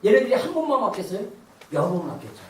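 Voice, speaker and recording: A woman in her thirties preaching a lively sermon as pastor, at times shouting out cries to God. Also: mid-range voice, racing, a little hiss or hum. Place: church sanctuary. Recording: roomy church hall from far off.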